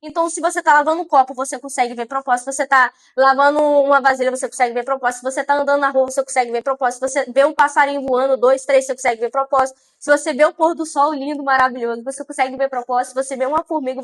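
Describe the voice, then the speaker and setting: A woman's voice: high-pitched, fairly even intonation, very fast, hardly any pauses. A woman giving a motivational monologue on mindset, repeating phrases and asking the listener rhetorical questions. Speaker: mindset speaker.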